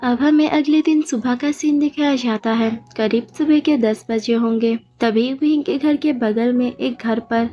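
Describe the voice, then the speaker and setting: A woman narrating a fan-fiction story in a steady, plain storytelling manner. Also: on the high side, measured pace, hardly any pauses. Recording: dull lo-fi audio with faint music.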